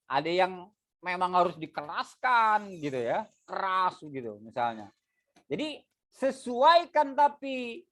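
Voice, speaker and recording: A man's voice: high-pitched, fairly bright tone. A man teaching a poetry reading class, explaining casually and drilling students on vowel sounds. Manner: casual, explanatory, uses fillers like "gitu ya".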